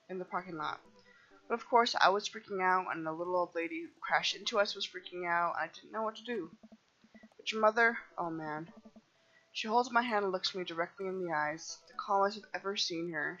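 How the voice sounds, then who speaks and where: A woman's voice: fairly low pitch, a little fast, fairly bright tone, highs cut off. A woman playing a dating game, reading the dialogue aloud playfully and laughing at her own jokes.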